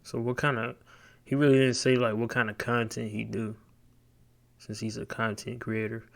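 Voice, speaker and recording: A man's voice: medium pitch, little pitch movement, moderate pace, gravelly. A man hosting a reaction video, chatting casually and laid-back with filler words.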